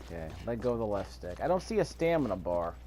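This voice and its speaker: An offhand man mutters casual let's play commentary while gaming, with game sound and video game ambience beneath his voice. It's lowish, fast, and swings widely in pitch over a noisy background.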